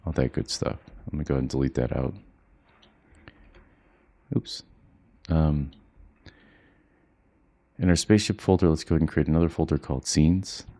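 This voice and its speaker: A man teaching a software tutorial from home in a quiet, low-key monotone, walking through each step casually with plenty of fillers. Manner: relaxed walkthrough with frequent fillers. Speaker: coding instructor. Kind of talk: screen-recorded software tutorial. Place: home, with children asleep nearby.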